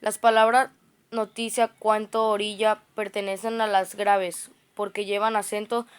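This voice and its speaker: A woman's voice: mid-range voice, little pitch movement, a little slow, smooth. A woman reading grammar study notes aloud, often stumbling and restarting words. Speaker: student reciting study notes.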